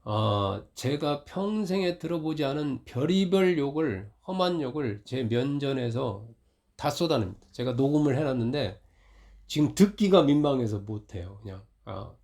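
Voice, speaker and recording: A middle-aged man preaches in a church with a conversational, storytelling delivery. His voice sits at an ordinary middle pitch, and he grows louder and more heated when he recounts a confrontation. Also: animated, moderate pace, creaky. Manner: storytelling, rising loud when retelling conflict. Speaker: pastor. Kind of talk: conversational sermon.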